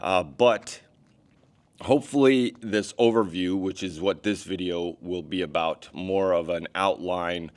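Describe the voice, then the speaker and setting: A man's voice: low-pitched, unhurried, no room sound. A middle-aged man from the United States giving direct, earnest advice in a casual vlog, a little out of breath while carrying a tripod. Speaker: vlogger.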